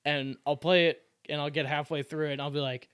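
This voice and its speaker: A man co-hosting a podcast, talking in a relaxed, chatty way with lots of fillers. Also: fairly high pitch, fairly quick, smooth, no room sound, clean studio sound. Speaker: podcast co-host. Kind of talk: casual chat.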